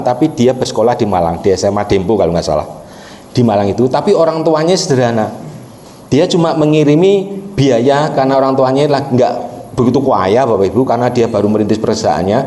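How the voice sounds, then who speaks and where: A man's voice: medium pitch, expressive, a little fast, warm tone, echoey room. A male pastor telling a story in a sermon and often turning to address the congregation directly.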